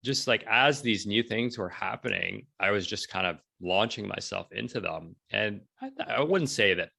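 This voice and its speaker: In a relaxed interview, a man in his forties who runs businesses and blogs spins lively anecdotes, voicing the lines of people he quotes and frequently asking "right?". He has a lowish, creaky voice and speaks at a moderate pace.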